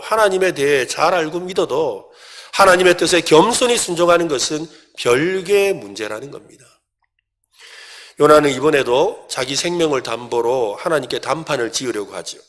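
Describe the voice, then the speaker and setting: A middle-aged male pastor preaching a sermon, asking the congregation questions and building to loud, emphatic passages. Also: on the high side.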